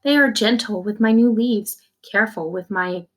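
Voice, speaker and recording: A woman with a medium-pitched voice reads a children's novel aloud at a moderate pace. Like a teacher, she narrates expressively in the first person and offers simple explanations for young listeners, mixing storytelling with brief clarifications.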